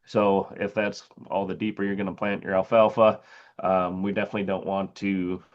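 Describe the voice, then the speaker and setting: A man's voice: low voice, flat delivery, normal speed, dull audio. A man presenting on a video call as a seed company sales agronomist, speaking with many hesitant fillers. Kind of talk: presentation with slides.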